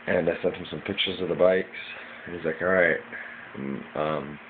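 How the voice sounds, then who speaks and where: A man's voice: low-pitched, steady tone, moderate pace. An American man in a casual, rambling recounting of his dreams, hazy and puzzled as he gropes to remember. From United States, Michigan. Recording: muffled lo-fi with clear background noise.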